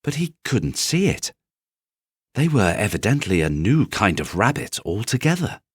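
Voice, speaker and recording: A man narrating a children's bedtime story in a calm, gentle, expressive way with measured phrasing. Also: lowish voice, breathy edge, no room sound, studio quality.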